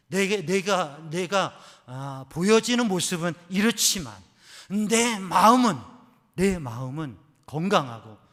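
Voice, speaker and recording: A contented young woman speaks in a soft, gentle voice, as a male preacher quotes her in a sermon. Her tone sits a little higher than usual for a man and carries a long, echoing reverb from a church hall. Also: exaggerated voice.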